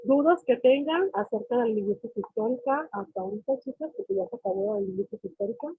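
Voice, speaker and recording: A woman's voice: a little high, expressive, quick pace, husky, dry recording. A woman teacher lecturing a class, explaining with questions and acted-out student replies. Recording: tinny phone-like call audio with faint hiss.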